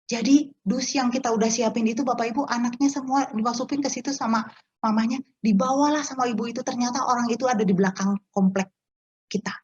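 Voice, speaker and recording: A woman telling a personal testimony to an online prayer meeting, speaking to the listeners directly in an animated storytelling way. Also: fairly high pitch, fast talker, husky, highs cut off. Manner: animated storytelling, addresses listeners as Bapak Ibu. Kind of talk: testimony to a congregation.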